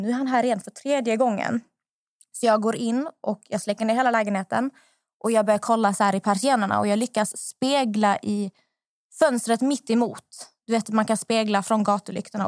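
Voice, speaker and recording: A young woman hosting a podcast, telling a personal story in a lively, animated way. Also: on the high side, dry recording, studio quality. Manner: animated anecdote-telling, acts out what others said. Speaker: podcast host. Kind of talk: casual storytelling.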